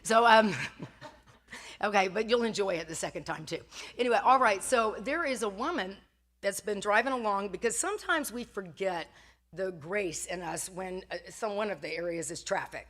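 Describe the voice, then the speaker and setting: A woman's voice: mid-range voice, normal speed, fairly bright tone. An older woman giving a casual sermon at a Sunday church service, chatty and self-deprecating, laughing often and restarting her sentences. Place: church sanctuary.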